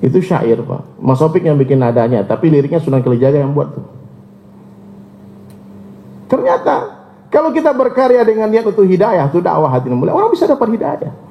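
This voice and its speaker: A man's voice: big pitch swings, fairly quick, long pauses, a little hiss or hum. Storytelling male preacher, echoey room. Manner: storytelling, acts out dialogue with shifting pitch. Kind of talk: sermon. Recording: echoey, muffled lecture recording.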